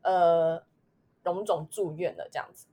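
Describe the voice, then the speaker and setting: A woman's voice: lowish voice, steady tone, a little slow, warm tone, slight background noise. A woman in her twenties with a Taiwanese Mandarin accent, telling a personal memory in a casual podcast chat, rambling with many fillers. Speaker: podcast co-host.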